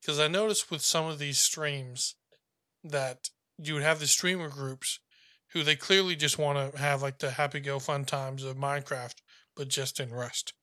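A man hosting a podcast, chatty and animated, acting out what people said as he tells a story. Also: a little high, normal speed, no echo, clean studio sound. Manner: chatty storyteller, acts out quotes. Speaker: podcast host. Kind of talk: casual gaming chat.

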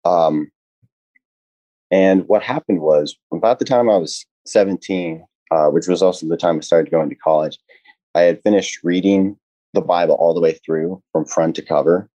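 Young man, podcast guest, very deep voice, earnest, halting, dull dry sound. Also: fairly even intonation, dark tone, dry recording. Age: young adult. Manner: earnest, halting, many "uh" and restarts. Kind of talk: casual podcast conversation.

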